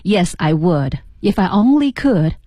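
Lively-toned woman teaching on radio. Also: lowish voice, a little slow, breathy edge, dry recording, clean studio sound. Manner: explains lyrics, hums and sings the melody in snippets. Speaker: radio English teacher and co-host. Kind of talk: radio lesson explaining song lyrics.

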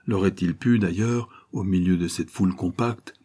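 A man narrates a classic novel in a measured, literary style. His voice is low and dark, with a husky edge. He reads steadily, as an audiobook narrator.

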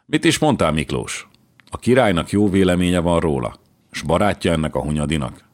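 A man's voice: low voice, animated. A man playing a sly, scheming count. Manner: sly, menacing. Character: scheming red-haired German count.

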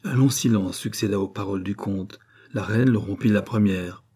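A man narrating a classic novel as an audiobook. His delivery is measured and even, his low voice mellow with a husky edge.

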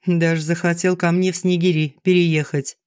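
A man reading an audiobook, voicing a gentle, soft-spoken aging schoolteacher who talks earnestly to her friend. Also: fairly high pitch, level tone, moderate pace, smooth, no echo, studio quality, lightly acted. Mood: confiding. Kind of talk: audiobook dialogue.

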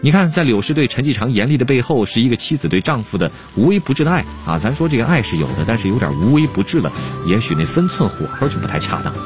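A man narrating an anecdote as a program narrator, in a relaxed, chatty storytelling way. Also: mid-range voice, fast, few pauses. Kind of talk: storytelling commentary. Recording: clear background music.

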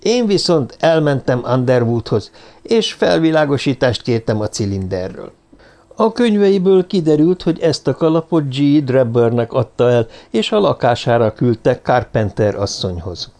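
A man's voice: medium pitch, lively intonation, a little mellow, lightly acted. A man voicing a boastful, jovial male police inspector in an audiobook reading, telling his story with eager self-satisfaction.

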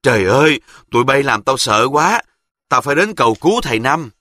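A man's voice: mid-range voice, very animated, brisk, pushed and bright, dry recording, clean studio sound. A man voicing a tearful, fretful middle-aged mother with a Southern Vietnamese accent.

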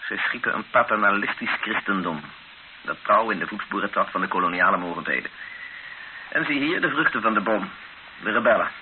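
In a Dutch-language radio drama, an actor plays a bitter, skeptical hostage, formal and challenging, and also delivers first-person narration. His fairly low voice is expressive and lightly acted, a little fast. The old recording is hissy and narrow-band.

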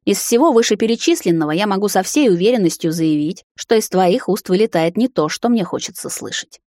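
A woman voicing a cold, commanding male vampire lord in an audiobook, speaking slowly and sternly. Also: medium pitch, lively intonation, a little mellow, dry recording, clean studio sound, natural voice. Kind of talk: audiobook character voice.

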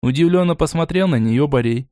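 A man reading an audiobook as narrator in a steady, even storytelling manner. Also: on the high side, a little fast, dry recording, clean studio sound. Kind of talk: scripted narration.

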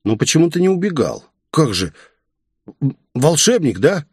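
Man reading as a chatty young street guy, slangy, friendly, a bit higher pitched, dry sound. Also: big pitch swings, moderate pace, slightly rough, no echo, full character voice. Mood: startled.

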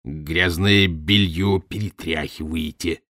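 Man plays domineering, sardonic professor, audiobook; low, booming growl. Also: steady tone, slow, a bit bright, dry recording, clean studio sound. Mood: gruff mocking. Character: gruff domineering mocking middle-aged professor. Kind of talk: audiobook character voice.

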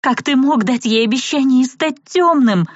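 A woman's voice: high voice, moderate pace, dry recording, dull audio, pitched above the performer's own voice. A woman voicing a horrified young woman who accuses shrilly in an audiobook. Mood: accusing.

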